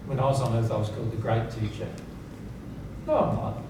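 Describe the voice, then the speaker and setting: A mid-range, steady-toned male voice moves fairly quickly through an informal lesson on spiritual principles, emphatic and heavy on repeated key words, with rhetorical questions to check the audience follows. It's captured by a distant mic in an echoing, noisy seminar room.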